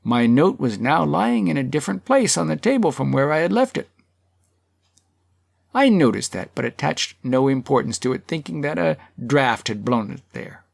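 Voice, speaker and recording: A man's voice: medium pitch, gravelly, dry recording, clean studio sound. A man voicing a self-righteous male townsman who defends himself in an earnest, persuasive public speech in a storybook reading.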